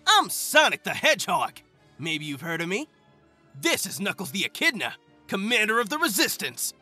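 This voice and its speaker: A man's voice: sits high, wildly swooping pitch, normal speed, bright, forceful tone, heavily acted. A man voicing a cocky, easygoing young hedgehog hero with a breezy, teasing delivery in a comic dub. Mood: bold, taunting. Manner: breezy, teasing, self-assured. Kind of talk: amateur comic dub acting. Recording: music behind the voice.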